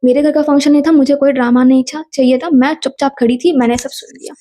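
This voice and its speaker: A young woman telling a personal story in a lively casual vlog, mixing Hindi and English. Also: sits high, quick pace. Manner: animated, mixes Hindi and English, quotes people in dialogue.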